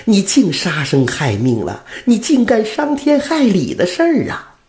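A man voicing a pious, self-righteous old beggar woman with a slow whining drawl. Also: on the high side, big pitch swings, gravelly, slight background noise, pitched above the performer's own voice, heavily acted. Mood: indignant.

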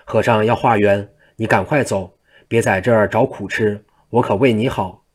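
A man's voice: lowish voice, fairly even intonation, normal speed, husky. A man voicing a brash young male servant who talks in a curt, bossy way.

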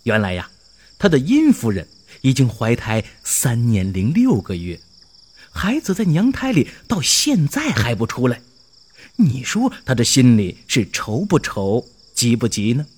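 A man narrating a scripted children's story in an expressive way, drawing out his exclamations. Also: medium pitch, measured pace, slightly rough.

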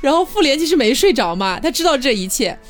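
A woman casually retelling a story, chatty and quick to laugh, with faint music behind. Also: high-pitched, sing-song. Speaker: storyteller host.

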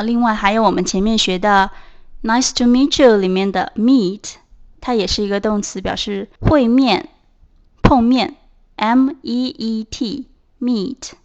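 Woman teacher, kinda high voice, talks slow, spells out every word. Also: lo-fi sound. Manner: spells words letter by letter, slow and deliberate. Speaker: English teacher. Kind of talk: scripted lesson narration.

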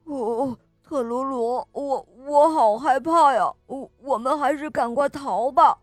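A woman's voice: measured pace, dry recording, clean studio sound, faint music behind. A woman doing a timid little storybook mouse. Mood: frightened. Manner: squeaky, excitable, stammers when scared. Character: timid little mouse, small and easily scared. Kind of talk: storybook character voice.

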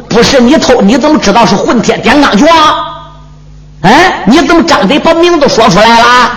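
A man's voice: very high-pitched, pitched above the performer's own voice, heavily acted. Man voicing a brash short warrior. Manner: blustering, loud, accusing. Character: gruff short young male warrior, brash and demanding. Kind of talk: traditional storytelling performance. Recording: music playing behind.

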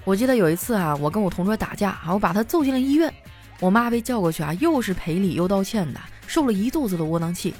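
A young woman comedian telling funny anecdotes in a chatty, animated stand-up style. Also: mid-range voice, fast, soft background music. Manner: animated storytelling, chatty filler particles.

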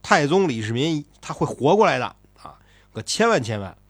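An earnest, loyal chancellor of an ancient court who presses his point with insistence, as a man puts him on. His pitch rises and falls in lively swings. The sound is dry and close. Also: moderate pace, breathy edge, no room sound, exaggerated voice. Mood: urgent pleading. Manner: earnest pleading.

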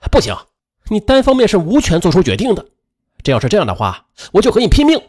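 A violent, hot-headed younger brother bellows threats at his sister, his voice climbing high and loud, as a male storyteller acts him out. He sounds furious and menacing. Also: wildly swooping pitch, fast, breathy edge, full character voice. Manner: shouting, threatening.

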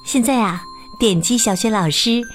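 A woman reading a picture book aloud to children, slow, lilting and expressive. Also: on the high side. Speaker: children's storyteller. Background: faint music.

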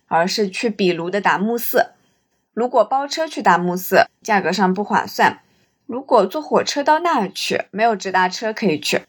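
A woman's voice: mid-range voice, breathy edge. A woman with a mid-range voice tells a first-person travel story from a script. Her delivery is that of a reflective host, with literary phrasing.

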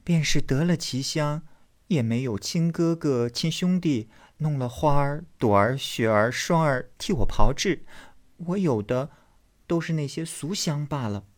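Man doing a teasing, sharp-tongued young girl, lifted high and hushed; storybook reading. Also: lively intonation, unhurried, slightly rough. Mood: mocking. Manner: coy, mocking, playful.

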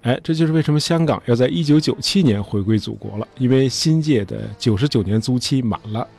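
Male history host, mid pitch, slightly husky, relaxed storytelling with frequent fillers. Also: a little fast, faint music behind. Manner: chatty, many fillers like "呃" and "哎".

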